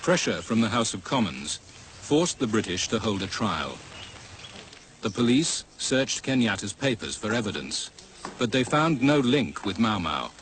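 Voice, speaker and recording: A man's voice: fairly low pitch, very animated, a bit bright, a little hiss or hum, low-quality recording. Serious male documentary narrator. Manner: measured, serious.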